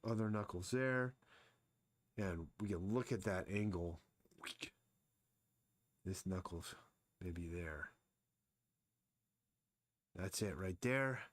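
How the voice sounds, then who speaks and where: A man's voice: low voice, slow pace, pauses often, no echo. A man casually thinking aloud as he sketches and explains anatomy during a live drawing stream. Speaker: artist streaming his drawing.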